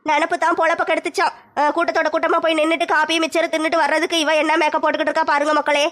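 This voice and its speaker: A woman's voice: high voice, level tone, very fast, a bit bright. A woman performing a grumbling, scolding mother-in-law in a comic skit. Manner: scolding, grumbling village banter.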